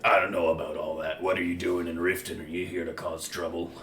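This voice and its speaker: A man voicing a pushy, menacing city thug who shouts warnings at strangers. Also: low-pitched, level tone, a little fast, distant mic. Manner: loud, blunt, warning tone. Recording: roomy sound with music behind.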